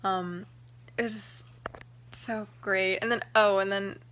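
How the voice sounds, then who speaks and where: A young woman vlogger telling a personal story to camera in a chatty, excited way, full of "like" and "um". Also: medium pitch, takes it slowly. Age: young adult. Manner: chatty, excited, heavy use of "like" and "um".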